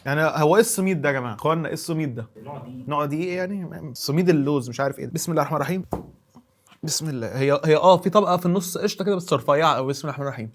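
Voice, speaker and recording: A man's voice: fairly high pitch, racing. A man with an Egyptian Arabic accent reviewing desserts in a casual vlog, chatty and exclaiming as he thinks aloud while tasting. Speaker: food reviewer.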